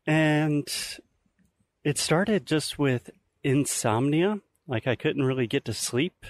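A man's voice: on the high side, slow, no echo. A man in his early thirties hosting a podcast in casual, explanatory talk, recorded outdoors on a walk. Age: early 30s. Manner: explanatory, conversational. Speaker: podcast host. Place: outdoors in nature, recorded while walking.

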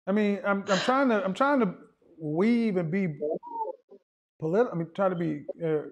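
A man's voice: sits high, animated, moderate pace. A man hosting a call-in debate show, blunt and pushing back on callers, with features. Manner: blunt, pushes back, talks over callers. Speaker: host taking callers.

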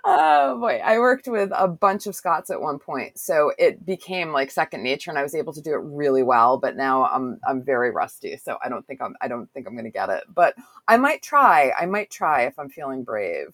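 A woman's voice: low voice, very animated, moderate pace, a bit bright, no echo, poor audio. A woman hosting a casual interview with a chatty, curious, self-deprecating manner, who also reads a passage aloud. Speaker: podcast host.

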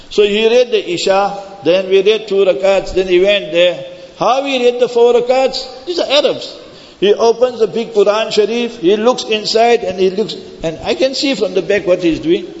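A man's voice: high voice, normal speed. A man preaching informally, telling stories conversationally and addressing his listeners directly. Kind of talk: informal sermon with storytelling. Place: large echoing hall, speaking to a gathering. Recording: muffled, reverberant large hall.

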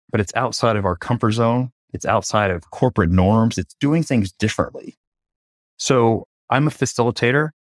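A middle-aged man from Atlanta, a coach giving an interview, who tells stories in an animated way and acts out the quoted dialogue. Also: fairly low pitch, dry recording, studio quality. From Atlanta, USA. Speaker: coach and facilitator, interview guest. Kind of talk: conversational interview storytelling.

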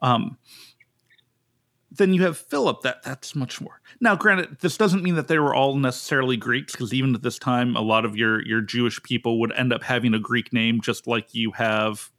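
An American pastor hosts a laid-back Bible study podcast, speaking at a moderate pace. He's animated, often restarting sentences and jumping up in pitch to drive home a point.

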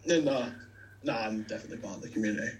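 Teenage lad with a Hull accent. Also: male voice, medium pitch, rapid-fire, crowd noise. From Hull, England. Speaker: youth discussion panellist. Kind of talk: casual chat.

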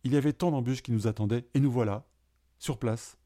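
A man's voice: medium pitch, brisk, mellow, close to an everyday voice. A man reading a story aloud, voicing an eccentric professor who swings from hesitant to grandiose. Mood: overjoyed. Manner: hesitant, then exalted and solemn.

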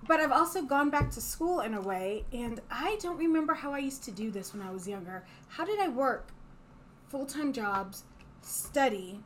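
A woman co-hosting a podcast chats in a wry, giggle-prone way. Her voice is a bit higher than most, with a faint ambient hum behind her. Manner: wry, easily breaks into laughter. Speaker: podcast co-host. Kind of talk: casual chat.

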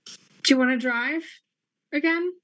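An odd, blunt woman, as a man puts her on in a tabletop game, her voice pitched well above his own. She drops her quirky remarks slowly and flatly. The sound is dry and slightly dull. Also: no echo, heavily acted. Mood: deadpan quirky.

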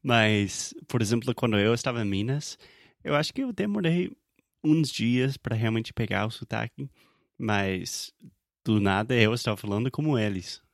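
A man's voice: mid-range voice, expressive, normal speed, gravelly, no room sound, studio quality. A man chatting casually as an interviewer, repeating example words to illustrate sounds. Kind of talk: casual chat.

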